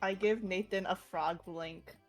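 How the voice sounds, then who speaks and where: A woman player in a tabletop game who talks slowly and giggles between words. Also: fairly low pitch, fairly even intonation, faint music behind. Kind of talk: casual tabletop role-play.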